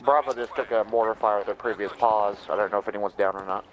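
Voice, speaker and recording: A man's voice: lowish voice, fairly even intonation, quick pace. A man making urgent, clipped military reports over walkie talkie radio, as a player reporting to command during a game. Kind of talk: in-game squad radio traffic. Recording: dull lo-fi radio voice heard from off-mic.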